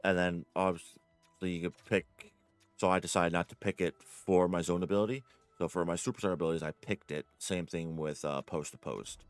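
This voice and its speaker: Low voiced guy rambling thru a game tutorial at home, lots of uh and like, dry sound. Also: fairly even intonation, brisk, smooth, no room sound, soft background music. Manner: rambling, self-correcting, says "like" and "uh" often. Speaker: gaming guide creator. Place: home room.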